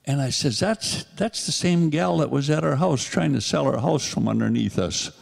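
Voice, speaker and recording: A gravelly older man with a fairly high voice rambles in a folksy, self-deprecating way at a moderate pace. He's a guest singer sharing his testimony as casual stories for a church congregation, using a handheld mic, and the sanctuary adds long hall reverb.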